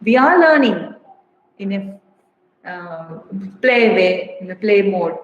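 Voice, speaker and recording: A woman's voice: medium pitch, animated, slow pace, highs cut off. A woman with an Indian English accent, a college English instructor giving an induction talk to new students, explaining at length, repeating her points and asking rhetorical questions. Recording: roomy hall reverb, faint ambience.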